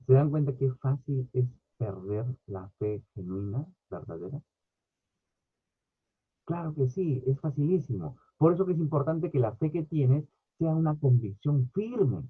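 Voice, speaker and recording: Man, preaching a sermon, husky voice, tinny phone-like sound. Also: medium pitch, unhurried, dry recording. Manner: animated preaching, swinging from loud emphatic bursts to quiet asides.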